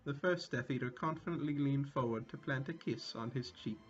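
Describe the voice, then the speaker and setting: Amused and quick to crack up, this male reader delivers a mock-dramatic, comedic passage peppered with offhand swearing. His mid-range voice moves at normal speed, and the lo-fi recording is dull, with music playing behind him.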